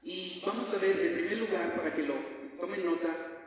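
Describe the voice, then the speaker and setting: A man preaching a Bible teaching sermon to a congregation, deliberate, repeating references and asking listeners rhetorical questions. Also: high voice, fairly even intonation. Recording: very echoey hall, mic far off.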